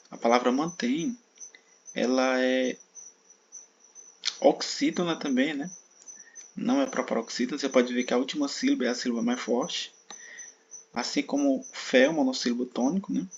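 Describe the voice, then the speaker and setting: A man's voice: mid-range voice, gravelly, a little hiss or hum. A man with a Brazilian Portuguese accent teaching an exam-prep lesson, patiently explaining and often checking in with his listeners. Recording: dull sound with faint crickets.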